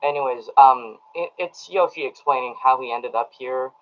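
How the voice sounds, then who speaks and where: A man's voice: medium pitch, moderate pace. A man giving a casual, rambling movie review to his live chat, full of ums and restarts. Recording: dull lo-fi audio.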